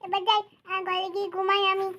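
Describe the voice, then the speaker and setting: A woman voicing a sleepy little boy in a doll cartoon, mumbling softly and whining. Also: very high voice, monotone, fast talker. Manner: soft, whiny, mumbling.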